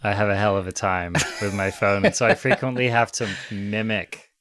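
A man with an English accent co-hosting a casual conversation, relaxed and dry-humored. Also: fairly low pitch, moderate pace, dry recording.

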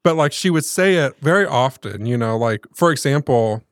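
A man's voice: mid-range voice, normal speed, no room sound, clean studio sound. Southern-raised man telling a family story. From American South. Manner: animated storyteller, acts out quoted voices. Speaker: podcast co-host. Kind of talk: casual storytelling chat.

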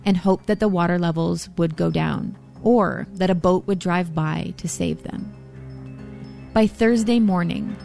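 A woman reporter giving serious, steady scripted news narration. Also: fairly low pitch, vocal fry.

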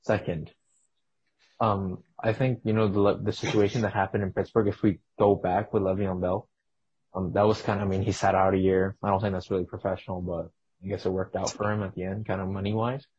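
A man with a fairly low voice gives casual, opinionated sports talk as a podcast co-host. He sounds husky, and the recording is a little dull. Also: flat delivery, brisk, a little mellow.

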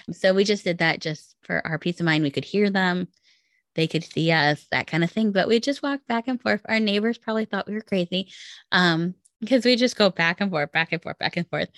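A woman in her thirties hosts a relationship advice podcast solo, walking listeners through ideas step by step in an upbeat, tidy, encouraging manner. Her voice sits on the low side with a fairly bright tone, captured on a close mic with a dry, studio-quality sound.

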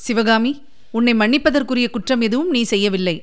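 A woman reading the part of a young prince who speaks calmly and reassuringly to his beloved. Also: a little high, fairly quick, clean tone, natural voice. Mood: earnest. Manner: calm, reassuring.

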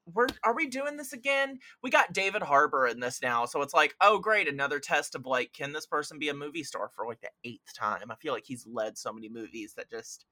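Pitched on the high side, this man talks a little fast with few pauses. He's a podcast host chatting casually about films, animated and opinionated, emphatic and quick to swear.

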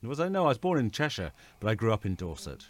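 Relaxed English man, low voice. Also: fast. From England. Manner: relaxed, chatty, laughs easily. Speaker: guest artist. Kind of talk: casual interview over a video call. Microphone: video call.

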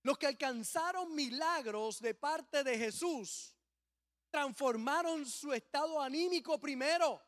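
A man preaching a sermon as a pastor, swelling suddenly loud and acting out the people he quotes. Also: very high voice, a little slow.

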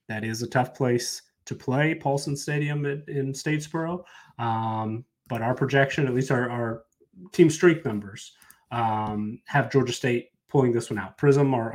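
A man co-hosting a sports podcast, laying out model projections in a measured, hesitant way with many fillers. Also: mid-range voice, darkish tone. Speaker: podcast co-host. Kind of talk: casual sports analysis chat.

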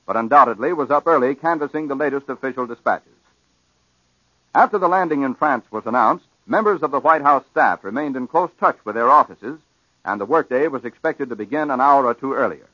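An American man reading wartime news bulletins in a formal, measured 1940s radio newsreel manner, on an old broadcast recording. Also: medium pitch, expressive, sharp tone, dry recording, muffled recording. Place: radio news studio, dry sound.

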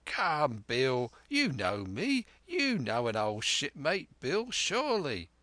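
A man's voice: medium pitch, huge pitch swings, slow, sharp tone, no echo, pitched above the performer's own voice, full character voice. A man doing a sly wheedling pirate. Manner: wheedling sailor's dialect. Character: sly menacing male pirate, fawning and sneering.

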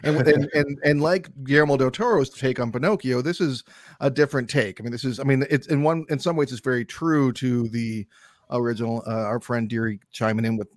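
A man's voice: medium pitch, fairly quick, no room sound, studio quality. A man co-hosting a film podcast, talking casually and enthusiastically with some swearing. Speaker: podcast co-host.

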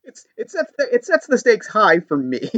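A man recorded on a fuzzy laptop microphone, hosting a casual interview in an excited, informal way. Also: sits high, normal speed, dry recording, highs cut off. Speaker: podcast host. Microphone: built-in laptop microphone.

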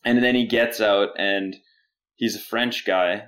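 Low-pitched young canadian man, podcast guest, animated and laughy, does the other people's voices in his stories. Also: unhurried. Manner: animated storyteller, laughs often, jumps into quoted voices. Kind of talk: casual storytelling interview.

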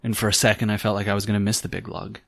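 A man's voice: on the low side, completely flat delivery, racing, creaky, fairly bright tone. A man playing a world-weary, sarcastic private detective in a noir audio drama, hardboiled, wry and stubborn. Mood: brooding, wry.

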